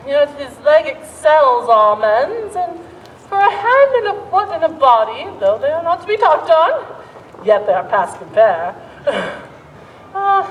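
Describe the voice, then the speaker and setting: A woman playing a garrulous, bawdy old nurse in a Shakespeare play, teasing and complaining with dramatic groans. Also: sits high. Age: older. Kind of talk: Shakespearean stage acting. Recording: echoey hall stage recording, background noise.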